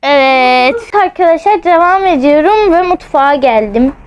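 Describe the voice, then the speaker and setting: This casual vlog shows a young woman at home with her phone, trying out a ghost-hunting app and nervously repeating that she's frightened. Her high voice is animated and moves at a moderate pace. The recording is low-quality, with no room sound.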